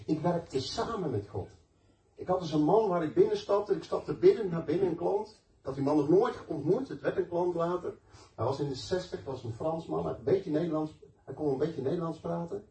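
A man's voice: on the high side, brisk, dark tone. Man preaching in an echoey room. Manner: storytelling, conversational and emphatic. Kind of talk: sermon with personal testimony. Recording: echoey room, mic at a distance.

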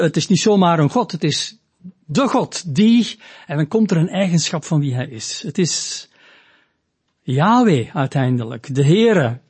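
Man preaching, husky and fairly high-voiced, slow emphatic delivery. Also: a little mellow. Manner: slow, deliberate and emphatic, with rising quoted lines. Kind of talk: sermon teaching on scripture.

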